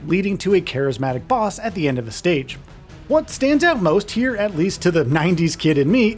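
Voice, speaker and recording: Lively man narrating a countdown. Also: on the high side. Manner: enthusiastic, informal. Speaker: video game countdown narrator. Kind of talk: scripted top ten countdown narration. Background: music.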